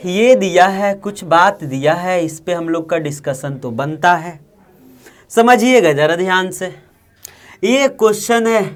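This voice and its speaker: This maths teacher from India, who has a Bihari Hindi accent, speaks with a high-pitched, clear, resonant tone in his online lecture. He often repeats points and coaxingly asks the class if they're following.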